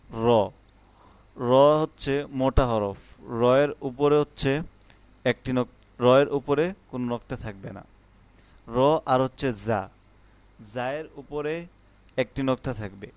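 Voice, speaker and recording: Guy teaching arabic letters online, super slow, smooth clear voice, belts out each letter long. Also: medium pitch. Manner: slow and patient, calls out each letter loudly and drawn out. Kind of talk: online pronunciation lesson.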